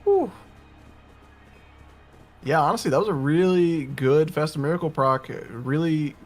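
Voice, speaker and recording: A man giving relaxed, analytical color commentary on a game tournament. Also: a little high, a little slow, soft background music. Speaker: co-caster analyst.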